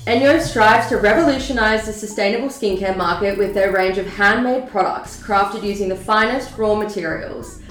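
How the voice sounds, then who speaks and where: A woman hosting an interview, reading a scripted introduction and then asking friendly questions. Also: mid-range voice. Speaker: interview host. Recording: echoey room with faint music.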